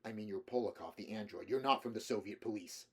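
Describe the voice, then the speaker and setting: Man reading a curt, low-voiced bounty hunter. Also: fast, a bit bright, husky. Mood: terse. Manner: terse, dismissive.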